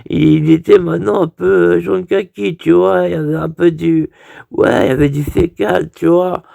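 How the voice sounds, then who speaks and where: A man with a somewhat high, gravelly voice telling a crude comic story. He rambles and stumbles through restarts and fillers. The sound is close and dry. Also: steady tone, normal speed, dark tone, no echo. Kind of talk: improvised crude comic monologue.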